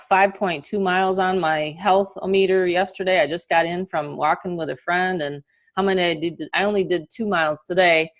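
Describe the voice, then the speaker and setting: Energetic New York woman, lower voice. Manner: energetic, chatty, motivational. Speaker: online marketing coach. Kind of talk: casual webinar presentation.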